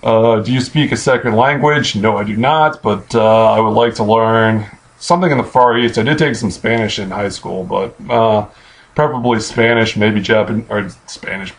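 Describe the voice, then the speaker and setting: An American man in his late twenties answers questions off the cuff in a halting, casual way, thinking aloud into a computer mic in a bedroom. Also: lowish voice, rough recording. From Missouri, United States. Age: late 20s. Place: small bedroom, indoors. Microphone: webcam or computer mic at arm's length.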